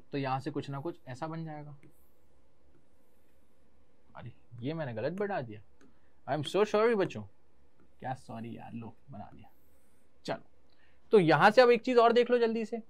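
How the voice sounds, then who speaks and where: Young Indian man, physics teacher, fairly high voice, online class, answers his own questions. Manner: switches between Hindi and English terms.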